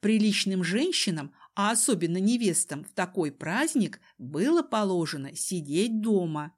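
A woman reading a first-person story aloud as an audiobook narrator, in an even storytelling manner. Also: mid-range voice, normal speed, slightly rough.

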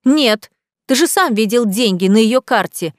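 A woman's voice: animated, unhurried, no echo, clean studio sound. A woman voicing a spoiled young bride who lies, pleads and bursts out shrilly in an audiobook. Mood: defensive. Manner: shrill outbursts, lying, pleading.

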